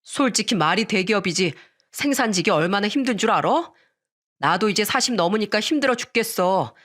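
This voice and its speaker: A woman's voice: medium pitch, lively intonation, fairly quick, a bit bright. Grumpy dismissive husband in his forties for a radio story, curt and sulky, voiced by a woman. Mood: defiant. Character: surly lazy middle-aged husband, male.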